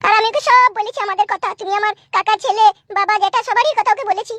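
A woman's voice: extremely high pitch, fast, a bit bright, no room sound, voice pushed up. A woman voicing a fussing young village wife, in a comedy skit. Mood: pleading.

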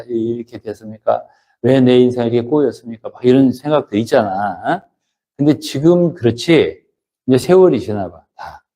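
An older man, a senior pastor, preaching a sermon in a conversational way, often pausing to ask the congregation questions, moving between loud emphatic lines and quiet murmured ones. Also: medium pitch, breathy edge.

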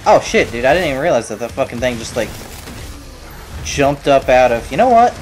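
A man casually commentating his own shooter playthrough, animated and swearing, cracking jokes. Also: medium pitch, fairly quick, a little hiss or hum. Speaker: gamer playing through a shooter.

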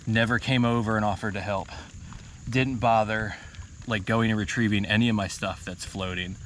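A middle-aged man talks bluntly to his viewers, swearing freely as he stands waist-deep in a river. His voice is picked up by an action camera on the boat, and clear splashing water and wind run under it. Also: a bit bright. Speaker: fishing vlogger. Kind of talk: casual outdoor vlog. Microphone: action camera mounted on the kayak. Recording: outdoor camera audio with water noise.

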